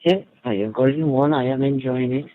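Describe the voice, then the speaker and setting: Tinny radio voice of a relaxed man. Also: medium pitch, a little fast, a little hiss or hum. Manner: relaxed, chatty, signs off with call signs. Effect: tinny amateur radio link, narrow band. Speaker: ham radio net caller. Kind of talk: casual radio check-in chat. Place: hotel room on holiday. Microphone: phone over internet radio link. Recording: tinny dry phone-like radio audio.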